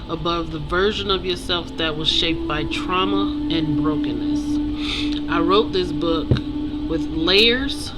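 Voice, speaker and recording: Loud background music fills this low-quality recording of an author presenting their own book. In a mid-range voice, they reflect personally and earnestly for viewers, speaking in short, hesitant bursts with pauses and an inspirational tone.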